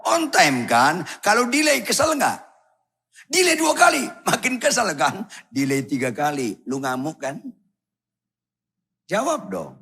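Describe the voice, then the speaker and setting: Blunt husky male pastor. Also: wildly swooping pitch, a little slow, pauses often. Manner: blunt, provocative, shouts and drops low for effect. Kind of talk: sermon.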